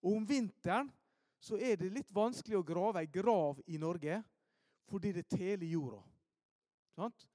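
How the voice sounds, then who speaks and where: A preacher from Ålesund, telling stories in a sermon, shifting between loud emphasis and hushed asides. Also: male voice, high voice, no echo, studio quality. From Norway, Ålesund. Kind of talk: storytelling sermon.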